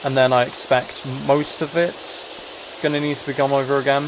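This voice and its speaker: During his video game livestream, a man with a mid-range voice keeps a level tone and a moderate pace. There's background noise as he chats casually and rambles through his thoughts.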